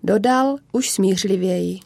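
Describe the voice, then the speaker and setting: A woman narrating a children's story in a calm, measured way. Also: medium pitch, gravelly, no room sound.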